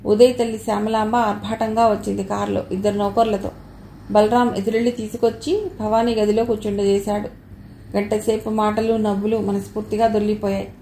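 A woman reading a novel aloud as an audiobook narrator, with a steady storytelling manner. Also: medium pitch, a little fast. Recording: echoey room with faint noise.

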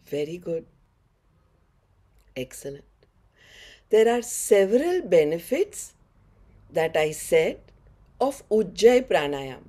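In a guided online yoga class, a middle-aged woman with a North Indian accent offers short words of encouragement, very animated yet slow and broken by long pauses. Her mellow voice sits fairly low, and she faces a webcam framing her head and shoulders.

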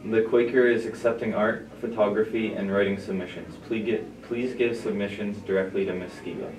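A man with a very low voice reads school announcements in a steady, plain manner. He is heard through a loudspeaker that sounds far off, with a roomy echo around the words. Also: moderate pace, a little hiss or hum. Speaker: student announcer. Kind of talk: reading morning school announcements.

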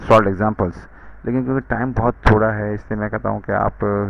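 Male lecturer, gravelly voice, lowish pitch, explaining to students with frequent uh fillers, dull lo-fi sound. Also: no room sound. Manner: code-switching into English, frequent uh fillers, direct address to students. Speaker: university lecturer. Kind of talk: recorded video lecture.

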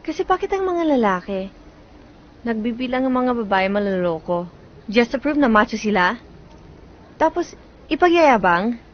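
A blunt, teasing young woman who pushes with personal questions. Her voice sits a little high. The soundtrack is muffled, with faint music underneath. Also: very animated, normal speed, pauses often. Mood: indignant. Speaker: office mate, visiting woman. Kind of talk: film drama acting.

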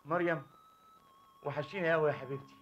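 An actor with an Egyptian accent playing a loving father who greets his daughter warmly. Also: on the high side, fairly even intonation, fast talker, soft background music, close to an everyday voice. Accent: Egyptian Arabic. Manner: warm, fatherly. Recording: muffled film soundtrack.

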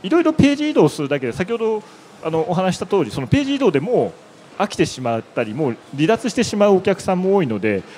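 Quick, animated man presenting on stage. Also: sits high, a little hiss or hum. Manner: explanatory, heavy on filler words. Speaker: web developer presenting. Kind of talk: conference presentation. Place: exhibition stage, indoors. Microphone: handheld mic.

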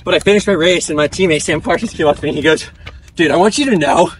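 A man in his twenties chatting casually in breathy short phrases as he runs outdoors while being interviewed. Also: fairly high pitch, fast talker, a little hiss or hum. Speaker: professional distance runner being interviewed. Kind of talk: casual chat while running. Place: outdoors on a dirt country road, on the move.

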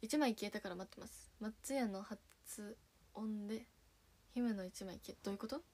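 Reading fan messages on a casual stream, a young idol from Kagawa, Japan, giggles and teases in a mid-range, slightly mellow voice at a moderate pace. A Sanuki dialect accent colors her speech.

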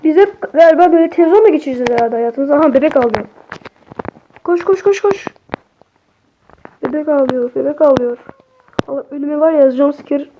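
A young woman, a native Turkish speaker, gives excitable, chatty horror game commentary to her viewers, cursing at the game as she plays. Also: high voice, fast, dull audio, background noise. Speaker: gaming streamer.

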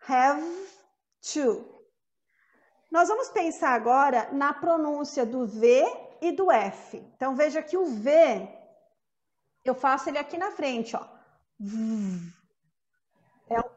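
A woman teaching an English pronunciation lesson, patiently saying each word slowly and more than once to model the sounds. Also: high-pitched, lo-fi sound. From Brazil.

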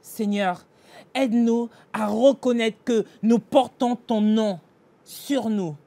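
With a very high-pitched, slightly mellow voice, a middle-aged pastor leads an earnest devotional meditation and prayer, addressing the listener directly and gesturing emphatically. The small indoor room setting is shot mid-frame by a fixed camera.

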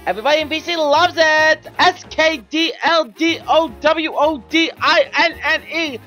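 A woman voicing an excitable young woman artist in a fan voice-over of chat messages, giggly and gushing. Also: high voice, a little slow, soft background music. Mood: excited. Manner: giggly, gushing, bursts into squeals.

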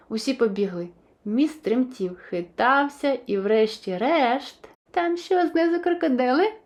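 Виразна жінка читає дитячу казку. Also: female voice, medium pitch. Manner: expressive, lively. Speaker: storyteller. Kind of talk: children's picture book reading.

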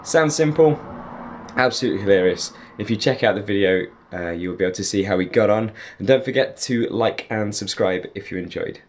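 A young man with a fairly low voice hosts a vlog. He speaks casually to camera, introducing his video from a room indoors. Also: brisk, a little hiss or hum. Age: 20s. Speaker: video host.

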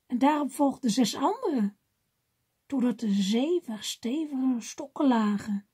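A woman reading a children's fairy tale aloud gently, often dropping to a whisper. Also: high-pitched, lively intonation, unhurried, slightly rough. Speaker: storybook reader.

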